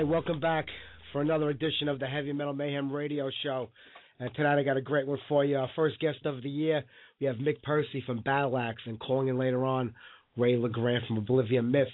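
A man's voice: medium pitch, fairly even intonation, a little fast. A man hosting a casual live radio show, his voice worn by a cold. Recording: phone-like lo-fi audio.

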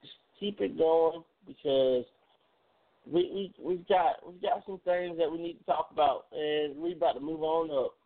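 A man's voice: fairly high pitch, unhurried. Man talking sports over a phone-line sound. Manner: rambling, repeats words, animated. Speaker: sports talk radio host. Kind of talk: casual sports talk show. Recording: phone-like narrow band.

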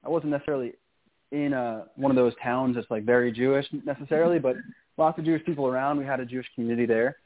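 A man's voice: medium pitch, fairly even intonation, quick pace. Young male radio guest, earnest and hesitant, tinny phone audio. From New York. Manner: earnest, hesitant with many ums. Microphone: phone call.

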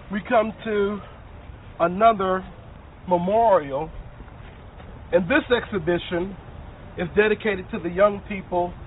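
High-voiced tour guide man, lo-fi. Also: slight background noise. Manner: measured, emphatic, slows for key phrases. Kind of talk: walking-tour narration. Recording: tinny lo-fi audio with faint music.

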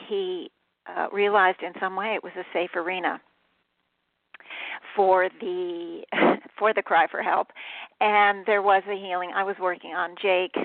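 A woman's voice: mid-range voice, no room sound. Woman host calling in on the phone, tinny dry line, chatty and rambly. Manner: rambling, chatty, self-correcting. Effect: calling in over the phone. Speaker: talk radio host. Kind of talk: casual spoken monologue.

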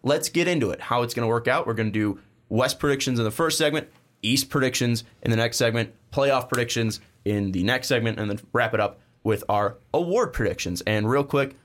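Excitable male sports podcast host. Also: mid-range voice, a little fast. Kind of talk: casual sports chat.

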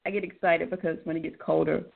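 Hoarse woman with a froggy, creaky voice. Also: low-pitched, flat delivery, quick pace. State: hoarse, losing voice. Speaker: co-host. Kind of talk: casual chat. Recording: tinny phone-line internet radio.

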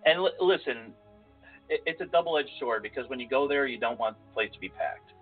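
A man's voice: mid-range voice, animated, a little fast. A man co-hosting a casual podcast, talking in a rambling, self-deprecating way with a nasal voice. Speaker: podcast co-host. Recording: phone-like lo-fi audio with faint music.

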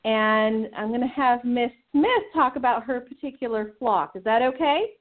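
A woman's voice: a little high, moderate pace. A woman guest speaking over a tinny speakerphone line, explaining a contest in an organized, step-by-step way. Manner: organized, walks through plans step by step. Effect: tinny phone line on speakerphone. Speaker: state 4-H program leader, guest. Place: out on location with others around.

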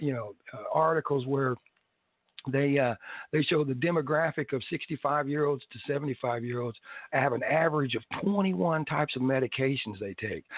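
Heard through dry, tinny, phone-like audio with no room sound, a man with a mid-range voice talks casually about hemp as an interview guest. He rambles, restarting often and laughing a little.

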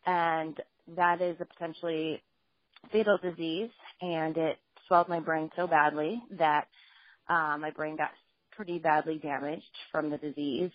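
A woman with a fairly low voice tells her story earnestly over a dull, lo-fi phone line. The sound is close and dry, with no room around it. Her manner is steady and matter-of-fact. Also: measured pace, no room sound. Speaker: guest journalist and author. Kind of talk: phone interview, personal story.

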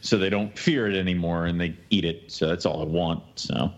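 A man's voice: deep voice, steady tone, normal speed. Casual male podcast host, slightly dull audio. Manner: informal, colloquial.

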